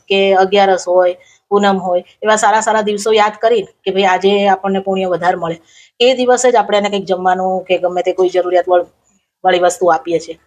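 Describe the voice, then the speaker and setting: Animated woman storyteller. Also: medium pitch. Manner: animated, acts out dialogue in her anecdotes. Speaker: comedian storyteller. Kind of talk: comic storytelling monologue.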